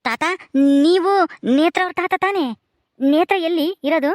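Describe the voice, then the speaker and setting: A woman playing a young village husband who scolds his wife and hushes his mother. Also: extremely high pitch, moderate pace, dry recording. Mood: scolding.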